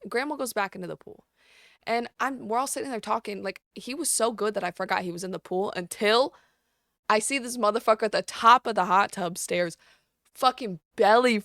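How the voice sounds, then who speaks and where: A woman's voice: fairly high pitch, dry recording, studio quality. A woman hosting her own show, telling stories in a casual, blunt, profane way. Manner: blunt, profane, animated storytelling. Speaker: podcast host. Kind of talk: casual storytelling monologue.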